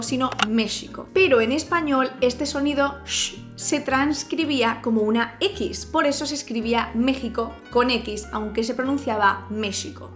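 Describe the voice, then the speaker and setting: A woman from Spain with a Peninsular Spanish accent, explaining language in a cheerful, expressive, chatty vlog style. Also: fairly high pitch. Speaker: language YouTuber. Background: background music.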